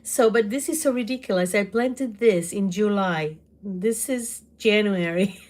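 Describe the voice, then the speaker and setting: A middle-aged Portuguese woman with a Portuguese accent, chatting loudly to her livestream viewers from her home kitchen, laughing often. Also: mid-range voice, unhurried. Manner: loud, laughs often, exclaims. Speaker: livestream host. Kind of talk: casual livestream chat answering comments.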